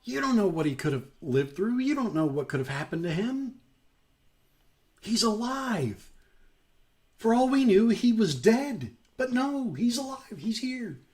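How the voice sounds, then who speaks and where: A man's voice: high-pitched, big pitch swings, normal speed, voice pushed up. A man voicing a loving older father who pleads emphatically and rejoices over his returned son. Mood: pleading joy.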